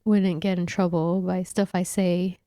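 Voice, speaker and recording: A woman's voice: fairly low pitch, level tone, a little slow, warm tone, clear, resonant tone, dry recording, clean studio sound. A woman hosting a podcast in casual chat, losing her voice, chatty and laughing often as she talks. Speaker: podcast host.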